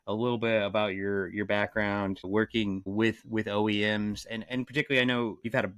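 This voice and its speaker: A man hosts a podcast in a low, relaxed voice. He asks loose, rambling questions and repeats words as he finds his way. The recording is close and dry. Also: brisk, no echo. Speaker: podcast host. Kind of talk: scripted podcast intro, then casual interview questions.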